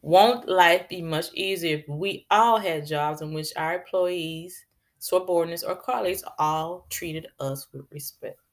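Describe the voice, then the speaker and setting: A woman's voice: lowish voice, measured pace. A woman talking casually about manners and kindness, chatty and preachy, with colloquial asides to her listeners. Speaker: speaker giving advice. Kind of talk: casual talk on etiquette.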